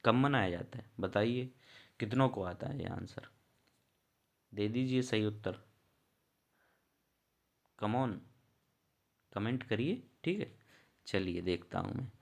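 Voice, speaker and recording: Male online exam coach, low-ish voice, chatty and direct with viewers. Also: creaky. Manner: reads questions aloud, then explains answers and addresses viewers directly; casual, chatty, calls viewers brother and friend. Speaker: exam prep teacher.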